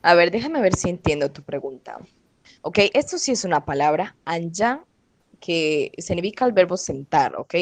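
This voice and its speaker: A woman's voice: lowish voice, lively intonation, normal speed, rough recording. A woman teaching an online Korean class, patiently checking in with "¿ok?" and "¿cierto?". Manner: patient, repeats "¿ok?" and "¿cierto?" often.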